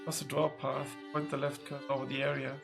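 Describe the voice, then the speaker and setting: A man casually commenting while playing a game, thinking aloud in short, halting remarks. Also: mid-range voice, completely flat delivery, gravelly, music in the background. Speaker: gamer playing through a game. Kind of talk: casual let's-play commentary.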